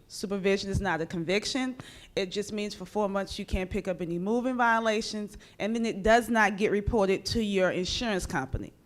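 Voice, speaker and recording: A woman judge speaks plainly and directly to a community gathering, walking people through fines and court rules. Her voice sits at an ordinary middle pitch, and she talks with easy authority. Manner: plainspoken, direct, addresses the audience. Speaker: judge and former public defender. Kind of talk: explaining law to a community audience. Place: community meeting room.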